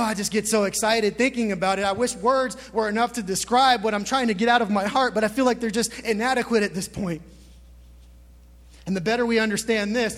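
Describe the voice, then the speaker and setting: Impassioned high-voiced male preacher. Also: long reverb tail. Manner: impassioned, builds to emphatic peaks, asks the congregation questions. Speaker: pastor. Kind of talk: sermon.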